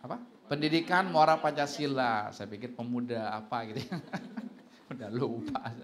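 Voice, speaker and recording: A man, a pastor preaching a sermon and telling stories with laughter, lifting his voice high when he quotes people. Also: normal speed. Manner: animated storytelling, jumps high for quoted voices; laughs between lines.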